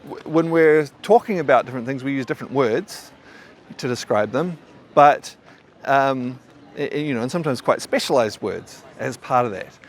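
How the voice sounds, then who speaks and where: A qigong teacher with a mild New Zealand accent speaks casually and thoughtfully to camera in a medium-pitched, expressive voice at a moderate pace. He rambles, often stammering through restarts and leaning on fillers.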